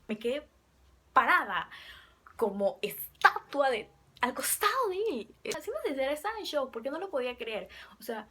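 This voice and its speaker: A young woman casually telling a fan story to camera, chatty and excitable, sometimes dropping to a whisper. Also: on the high side, husky. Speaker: fan vlogger.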